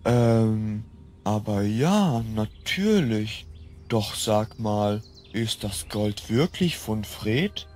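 A man's voice: fairly low pitch, lively intonation, extremely slow, a little mellow, a little hiss or hum. A man voicing a greedy, fawning middle-aged village father in a fan-made game mod, hesitant and backpedalling. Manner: hesitant, backpedalling with filler sounds.

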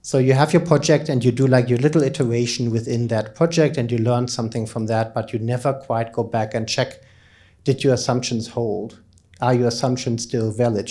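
Standing at a lectern in a conference lecture room, a middle-aged man delivers a keynote, explaining things informally into a handheld mic. He is an academic researcher, and his voice is mid-range and warm.

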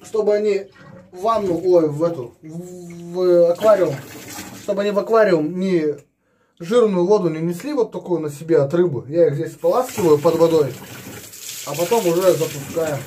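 A woman's voice: on the low side, normal speed, mellow, a little hiss or hum. A woman chatting casually at home as a family vlogger, explaining what she does as she goes and often restarting her sentences. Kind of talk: casual home vlog narration.

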